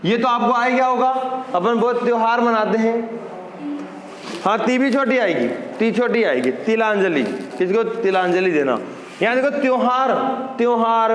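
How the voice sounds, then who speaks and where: High-voiced Hindi teacher drilling spellings. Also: male voice. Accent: Rajasthani-tinged Hindi. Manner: emphatic, repeats words slowly to drill pronunciation. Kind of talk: classroom-style spelling lesson. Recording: echoey room with long reverb.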